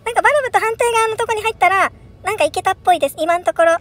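Female horror game streamer, extremely high-pitched, excitable, thinks aloud, given to alarmed outcries. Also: very fast. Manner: excitable, crying out in alarm with repeated panicked exclamations; thinks aloud, puzzling through moves. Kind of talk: first-play horror puzzle game commentary.

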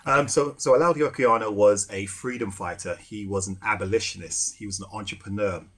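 A middle-aged man telling stories in a relaxed podcast chat, with many fillers and restarts. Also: lowish voice, fairly quick. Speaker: guest, rum ambassador and former bartender. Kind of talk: casual podcast conversation.

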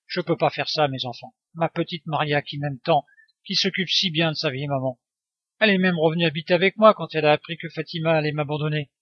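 A man's voice: fairly high pitch, steady tone, fast, dry recording, dull audio, close to an everyday voice. A man voicing a frail 82-year-old widow.

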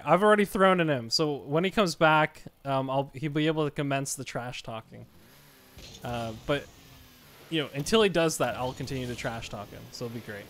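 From a small room at home, a young man livestreams a game and chats casually, rambling along in a conversational way. His voice is fairly high and a bit bright.

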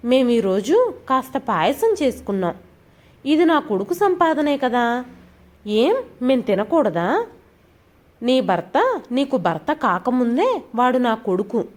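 A woman voicing a meek older father-in-law in a storybook, pleading gently. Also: fairly high pitch, big pitch swings, takes it slowly, long pauses, exaggerated voice.

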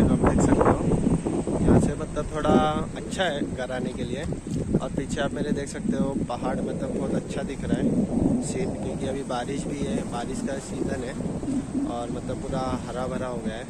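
A young adult man narrates a casual walking vlog on a rocky seashore, chatty and leaning heavily on the filler "matlab." His mid-range voice is level and at normal speed, recorded on a phone camera held at arm's length, with heavy background noise and a loud music bed underneath.

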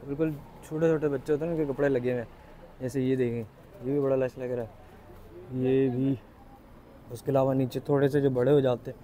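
A man's voice: medium pitch, mellow. A man, chatting enthusiastically as he tours an outdoor city bazaar with a handheld phone camera and asks shopkeepers for prices. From Pakistan. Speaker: vlogger touring a market. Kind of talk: casual walking market tour vlog.

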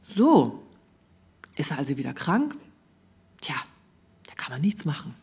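A woman reading aloud from her own prose at a literary event, calm and measured, giving the quoted dialogue a light touch. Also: sits low, breathy edge. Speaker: author reading from her work. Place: event venue.

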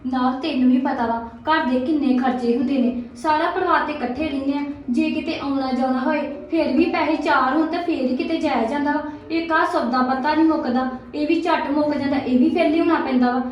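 A woman's voice: sits high, fairly even intonation, a little fast, few pauses, close to an everyday voice. An actress with a Punjabi accent playing a young daughter-in-law who defends her household spending, justifying herself and trying to placate. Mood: defensive. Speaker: actor in a family drama. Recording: echoey room, dull lo-fi sound.

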